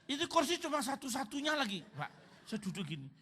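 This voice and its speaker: A middle-aged male pastor preaching a sermon at a church service, telling humorous stories and loudly mimicking a song leader. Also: very high voice, sing-song, fast talker, husky.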